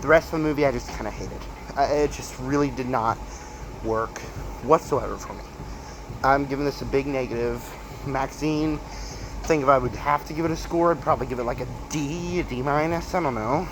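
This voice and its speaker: A man giving a casual, emphatic movie review as a video host while walking on a treadmill, halting and repeating himself for stress. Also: mid-range voice. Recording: clear treadmill motor and footstep noise. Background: treadmill noise.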